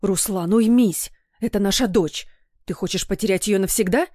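A woman reading a story voices a flustered, emotional middle-aged mother who chatters rapidly. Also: mid-range voice, mellow, no echo, clean studio sound, lightly acted. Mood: shrill.

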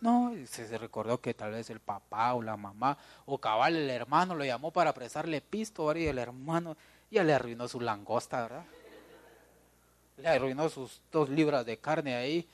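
Guatemalan preacher guy, kinda high voice, jokey and animated sermon at church. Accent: Guatemalan Spanish. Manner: lively, joking, talks straight to the congregation.

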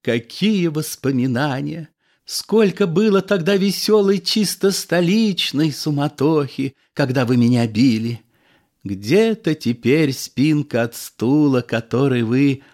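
A man voicing a nostalgic former card sharp who talks in effusive exclamations. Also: a little high, expressive, slow, voice pushed up. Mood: gushing nostalgia.

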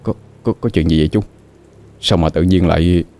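A man's voice: low-pitched, fairly even intonation, brisk, warm tone. A man doing a stammering panicked young man. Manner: stammering, breathless. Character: young male driver's helper, panicked, near tears.

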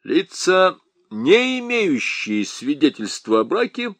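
A man's voice: high-pitched, sing-song, slow, a bit bright, dry recording, pitched above the performer's own voice, exaggerated voice. Male narrator voicing a mocking bureaucrat lieutenant; drawling, mock-official, dry close audio. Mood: smug.

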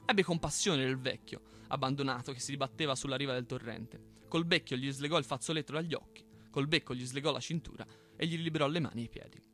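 A man hosting a radio show, reading a folk tale aloud in an expressive storytelling manner. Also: medium pitch, quick pace, few pauses, soft background music. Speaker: radio host. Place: radio studio.

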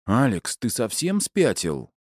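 A man's voice: mid-range voice, huge pitch swings, slow, no echo, studio quality, pitched above the performer's own voice, heavily acted. Man voicing a sly, agitated young man. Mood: incredulous.

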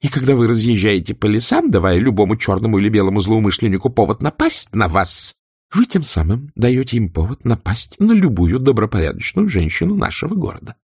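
Man doing an icy spinster woman, cold contempt, raised husky voice, dry sound. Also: on the low side, big pitch swings, a little fast, a little mellow, no room sound, pitched above the performer's own voice, exaggerated voice. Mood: trembling rage. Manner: icy, trembling with anger.

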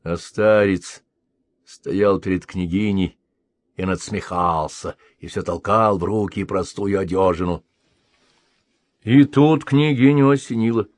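A man narrating a historical tale as an audiobook, in a measured storytelling manner. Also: low-pitched, no room sound.

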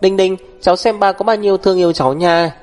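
A man voicing a lively young woman who coaxes small children, in a storybook reading. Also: sits high, racing, faint music behind, voice pushed up, natural voice. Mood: coaxing.

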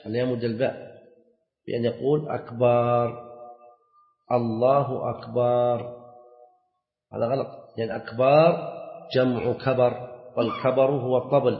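Man teaching fiqh in an echoey hall. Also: mid-range voice. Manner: repeats key phrases and asks students questions. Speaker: sheikh teaching Islamic jurisprudence. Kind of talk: classroom lesson explaining a fiqh text. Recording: echoey hall, dull lo-fi sound.

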